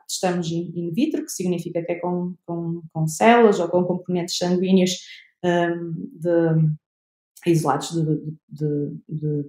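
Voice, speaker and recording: A woman's voice: fairly low pitch, warm tone, echoey room. Hesitant young Portuguese woman researcher. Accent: European Portuguese. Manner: hesitant, many fillers and restarts. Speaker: researcher guest. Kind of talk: interview answers.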